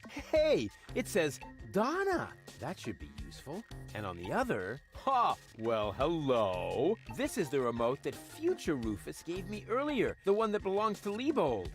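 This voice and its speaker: A cocky, wisecracking game hero. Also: male voice, a little high, a little slow, faint music behind, full character voice. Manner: deadpan, wisecracking. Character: cocky scruffy young man, lazy, sarcastic schemer. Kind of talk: video game dialogue.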